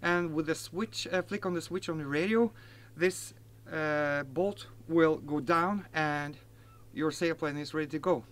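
Outdoors in a garden, a man in his 40s reviews an RC model plane he's unboxing, talking casually with plenty of fillers and self-corrections. A native Norwegian speaker, he has a somewhat high, slightly bright voice and takes his time.

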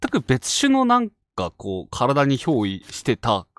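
Man telling a ghost story, wildly swinging pitch. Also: huge pitch swings, unhurried, no room sound, clean studio sound. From Fukushima Prefecture, Japan. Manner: dramatic storytelling, drops to hushed tones for tension. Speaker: ghost story teller and host. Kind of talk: spoken ghost story narration.

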